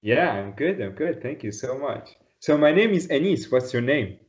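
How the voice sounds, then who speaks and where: A Tunisian man tutors Arabic one-on-one in an online lesson, patient and encouraging, and he keeps repeating his praise. His mid-range voice is sing-song at a moderate pace. It comes through a video call with dull audio.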